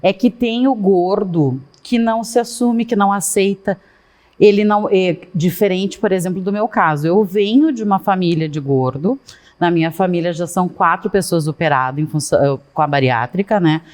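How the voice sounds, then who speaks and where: A middle-aged woman, a guest in a casual interview, talking at length and in an animated way with many asides. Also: fairly low pitch, moderate pace. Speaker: guest, fashion consultant.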